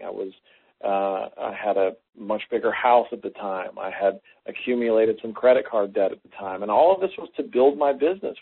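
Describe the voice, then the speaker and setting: A man co-hosting a talk, teaching through an animated personal story and acting out quoted lines. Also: mid-range voice, gravelly, husky. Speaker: co-host. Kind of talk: conversational teaching. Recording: phone-like lo-fi line.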